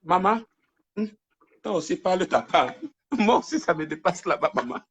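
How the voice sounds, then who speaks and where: This livestream host's voice sits high and sounds animated at a moderate pace. Broadcasting casually from home into a phone, he chats and teases a lot, drifting off-mic now and then, and drops into quiet asides whenever he takes a phone call.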